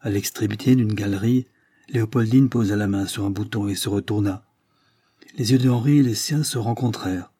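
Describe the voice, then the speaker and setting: A man narrating a classic novel in a measured, even storytelling manner. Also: lowish voice, breathy edge. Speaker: audiobook narrator.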